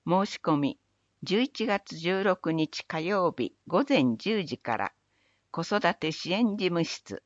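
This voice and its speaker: A woman reading municipal event announcements in a measured, even recital of dates, places and phone numbers. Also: lowish voice, no echo, lo-fi sound. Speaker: city announcer. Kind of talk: scripted public announcement reading.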